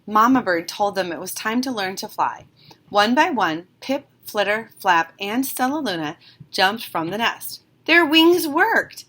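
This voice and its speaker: A woman's voice: medium pitch, lively intonation, a little slow, fairly bright tone. Woman reading a children's story aloud. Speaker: storybook reader. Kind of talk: expressive read-aloud narration of a children's story.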